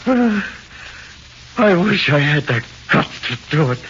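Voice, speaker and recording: Playing the same scared condemned convict in a 1940s radio horror drama, the American actor uses an exaggerated, rather high male voice and sounds desperate. His slangy, broken speech shifts from flat confession to anxious begging as the uneducated tough pleads, all on a muffled, hissy old recording.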